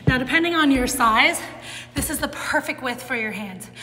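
A high-voiced woman trainer leads a workout, calling out moves with upbeat energy, counting down and cheering. Her voice rings in a roomy space with a long reverb tail, with clear background noise underneath. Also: expressive, normal speed. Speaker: fitness trainer. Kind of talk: leading a home workout.

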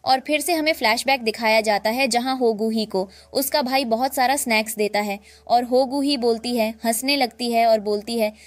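High-voiced woman recapping a drama. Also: normal speed, hardly any pauses, no echo.

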